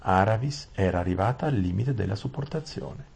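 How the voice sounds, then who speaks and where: Low, husky man telling a bedtime story softly, stumbling now and then. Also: expressive, brisk. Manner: gentle, soothing, with small restarts. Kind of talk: reading a bedtime story aloud.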